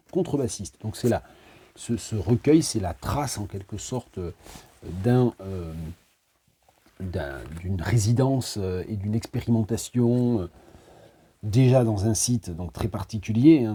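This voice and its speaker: A man's voice: lowish voice, warm tone, breathy edge. A man presenting his poetry collections in a casual, digressive talk, often hesitating, then reading poems aloud in a rhythmic, emphatic cadence. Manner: chatty, digressive, frequent hesitations.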